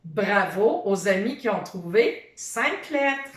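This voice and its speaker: Slow, lively teacher voice in an echoey room. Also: female voice, mid-range voice, recorded from a distance. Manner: slow, encouraging, sounds out letters. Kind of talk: children's reading lesson.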